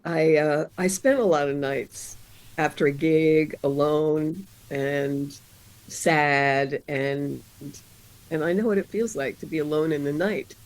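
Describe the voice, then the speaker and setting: An older woman, raised around Philadelphia, talking candidly and reflectively as a guest, often halting mid-thought and laughing easily. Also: sits low, steady tone, a little mellow, low-quality recording. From born in Arizona, raised in Philadelphia area. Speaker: guest, radio jazz presenter. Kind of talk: candid interview conversation.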